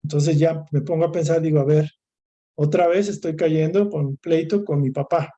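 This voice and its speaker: A man with a Mexican Spanish accent lectures through a course session, piling up lists of near-synonyms and restarting his phrases. His voice sits a little high for a man and has a mellow, soft-edged tone. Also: fairly even intonation, normal speed, dull audio. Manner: discursive, repeats and lists words, restarts phrases. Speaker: course instructor.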